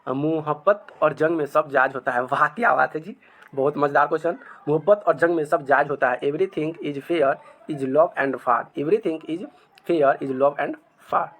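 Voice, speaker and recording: Man teaching English slowly. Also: a little high, a bit bright. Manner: says each English sentence very slowly, then repeats it. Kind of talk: spoken English lesson.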